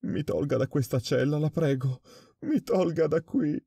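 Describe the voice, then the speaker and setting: A man voicing a terrified adult male prisoner who begs and stammers in a high, desperate voice. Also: unhurried, dark tone, slightly rough, no room sound, clean studio sound. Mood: terrified pleading.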